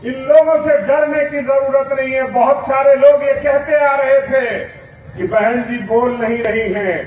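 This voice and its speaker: Man, Uttar Pradesh Hindi accent, declamatory rally speech, very high voice, distant echoing PA, faint outdoor noise. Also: steady tone, measured pace, phone-quality sound. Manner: rousing, declamatory, rhetorical questions to crowd. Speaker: party worker giving a rally speech. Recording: echoey PA sound from afar, faint ambience.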